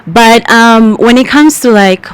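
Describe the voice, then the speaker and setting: A woman's voice: on the high side, measured pace, clear, resonant tone. A young woman from Kenya, a guest on a radio interview, talking casually and openly with frequent laughs. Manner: laughs often, chatty and open.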